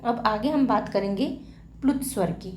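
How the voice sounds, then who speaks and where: A woman teaching grammar in a slow classroom way, asking questions and then answering them herself, and repeating key terms. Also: fairly high pitch. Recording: echoey room with faint hiss.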